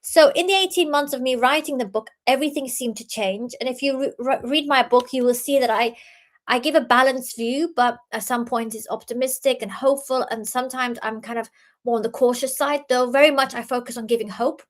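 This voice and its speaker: A woman's voice: high voice, fairly quick. A young adult woman, born in Iran, giving an earnest talk as an author and innovation speaker, with many ums and restarts. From Iran, raised in the UK. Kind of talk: talk presentation.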